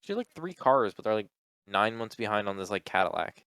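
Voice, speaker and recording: A man's voice: lowish voice, very animated, brisk, fairly bright tone, clean tone, no room sound, studio quality. A man co-hosting a podcast, telling a rambling story in casual chat, acting out quotes and swearing freely. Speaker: podcast co-host.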